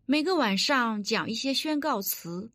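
Woman preacher, sermon style, earnest and instructive; animated pitch, dry recording. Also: unhurried, no echo. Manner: earnest, instructive, quotes scripture.

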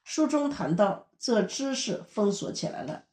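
Woman preacher, steady explanatory sermon delivery, mellow voice, echoey room. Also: mid-range voice, unhurried. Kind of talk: sermon teaching.

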